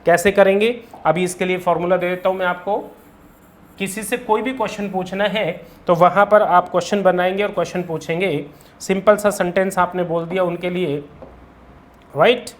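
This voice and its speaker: A man with a fairly high voice teaches beginners spoken in a classroom-style lesson. He explains in Hindi, says example sentences slowly, and keeps checking in with "right?" and "okay?". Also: fairly even intonation. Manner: drills students with repeated "right?" and "okay?" checks and slow English examples.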